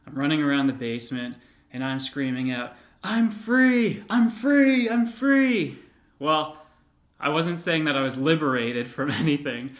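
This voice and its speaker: A man in his thirties, a vlogger casually telling personal stories to the camera in a relaxed, reminiscing way with light filler words. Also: mid-range voice. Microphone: camera held by another person. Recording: roomy echoey room sound.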